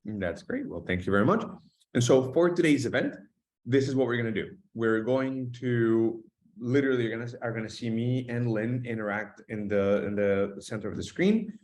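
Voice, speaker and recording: A man's voice: mid-range voice, normal speed, darkish tone. A man hosting an online webinar from an office, talking with many fillers and restarts. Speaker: host. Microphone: video call.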